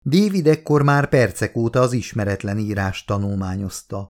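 A man, the author, reading his own audiobook in a steady, measured narrating voice. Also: on the low side. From Hungary.

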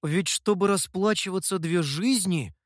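A man's voice: sits high, unhurried, no room sound, studio quality, pitched above the performer's own voice. A man voicing a naive, honest young male scribe who asks earnest questions in a storybook reading.

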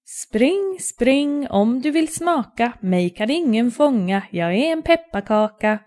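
A cheeky little gingerbread man, voiced by a woman, taunts in a high sing-song chant. The voice sits fairly high and jumps up at the start of each line. It is a storybook voice, boastful and quick. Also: sing-song, darkish tone. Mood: taunting.

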